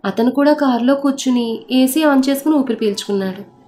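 A woman storyteller reading a story in a steady, expressive narration. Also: high-pitched, brisk, a little hiss or hum. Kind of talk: scripted audiobook narration. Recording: narration over soft background music.

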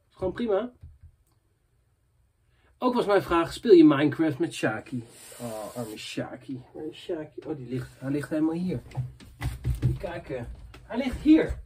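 A man's voice: on the high side, a little mellow, breathy edge. A young man vlogging and answering viewer messages in loose, rambling casual chat, often dropping filler tags.

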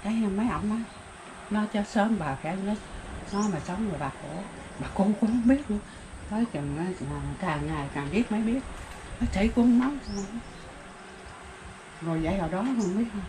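A woman's voice: medium pitch, expressive, moderate pace, pauses often. Older Southern Vietnamese woman, plain-spoken. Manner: plain-spoken, rambling, with exclamations. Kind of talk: casual rural storytelling. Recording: noticeable background noise.

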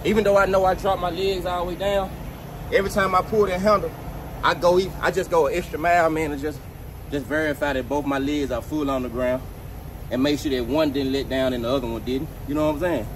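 A man's voice: a little high, steady tone, brisk. Man, thirties, casual trucker vlog, slangy and repetitive, headset mic, vehicle noise around. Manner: laid-back, slangy, repeats himself. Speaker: truck driver vlogger. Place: outdoors at a truck yard and inside a truck cab.

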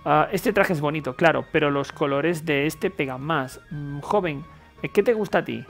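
A man's voice: fairly high pitch, moderate pace, creaky, soft background music. A man with a Castilian Spanish accent voicing a vain, fussy, self-satisfied aristocrat from a video game. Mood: fussy, pleased. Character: vain, fussy male aristocrat obsessed with fine clothes.

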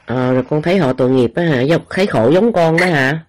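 An older woman acting as a spiritual medium, speaking gently and repeating the child's words back in a soothing prayer session. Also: deep voice, fast. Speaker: spiritual medium praying for the dead.

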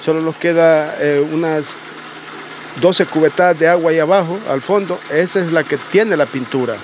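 A middle-aged man with a Salvadoran accent, plainly and haltingly explaining work as a guide, recorded outdoors. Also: on the high side. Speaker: guide, indigo farm worker. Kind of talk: informal explanation in an interview. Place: outdoors on a rural hacienda. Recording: outdoor recording with faint background noise.

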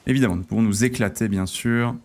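A man streaming a strategy-game role-play, talking through his moves in an excitable, exclamatory way. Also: fairly low pitch, fast talker, slight background noise. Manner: excitable, exclamatory, thinks aloud.

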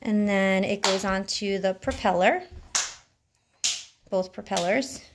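A woman's voice: medium pitch, very noisy. A woman in her thirties, a parent casually narrating a cheerful tour of something her kids built, filmed at home on a handheld camera. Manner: unhurried, cheerful tour-guide talk. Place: living room at home.

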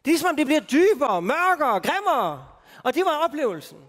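Long hall reverb rings around a high, slightly bright, sing-song male voice as he preaches from a festival stage. The Danish speaker tells of his personal faith in a relaxed, self-teasing way, full of fillers.

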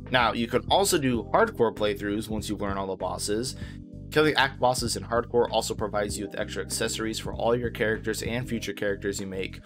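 A man with a lowish voice hosts a casual video game guide, narrating in an informal, easygoing, reassuring way.

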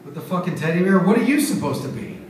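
Man putting on an exasperated party host, shrill and jumpy, echoey bar from afar. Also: sing-song, fast talker, distant mic, very noisy. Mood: incredulous. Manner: incredulous, pleading, high-pitched exclamations.

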